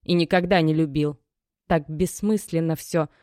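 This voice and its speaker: The narrator, a woman, brings to life a desperate young mother in an audiobook: tearful and reproachful, pleading in a dry, cracked, tear-worn voice that trembles. Her own tone is on the low side and darkish, unhurried and close to an everyday voice. There is no echo.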